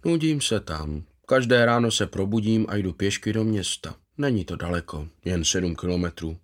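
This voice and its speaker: A man voicing an eager, gentle fifty-something man. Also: on the low side, lively intonation, close to an everyday voice. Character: gentle content man in his fifties, former footballer. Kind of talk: voiced character in a read story.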